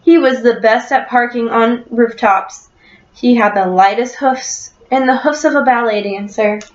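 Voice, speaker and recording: A woman teacher reading a story aloud in class and encouraging a student with quick questions, recorded on a computer webcam in a classroom. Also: a little high. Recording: echoey room, dull lo-fi sound.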